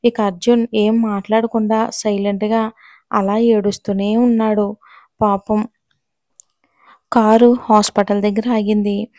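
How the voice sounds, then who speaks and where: A woman reads a serialized love story in a steady, unvaried voice that stays close to one pitch. She speaks now and then straight to her listeners. The recording is dry and close, with no room sound. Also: a little slow, pauses often, no room sound. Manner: even, steady narration with short direct asides to listeners. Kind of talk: reading a serialized romance story.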